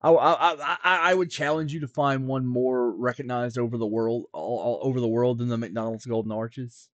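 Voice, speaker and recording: A man's voice: medium pitch, steady tone, normal speed, no room sound, highs cut off. A man talks in a loose, rambling way on a casual podcast, stumbling over restarts and leaning on fillers. His voice sits in a middle register and sounds dry and close, with no room around it. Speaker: podcast co-host, card expert. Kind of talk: casual chat.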